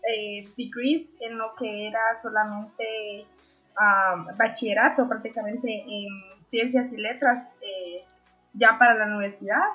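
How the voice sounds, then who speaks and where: Brief: woman in her twenties from Honduras, interview guest, halting and full of fillers, dull lo-fi sound with faint music. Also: mid-range voice, sharp tone. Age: 20s. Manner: hesitant, many fillers and restarts. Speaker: guest, young entrepreneur. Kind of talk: conversational interview answers.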